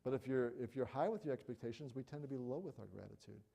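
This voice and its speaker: A middle-aged man preaching a sermon in a conversational, animated way, acting out little everyday examples. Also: medium pitch, fast, gravelly. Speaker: pastor.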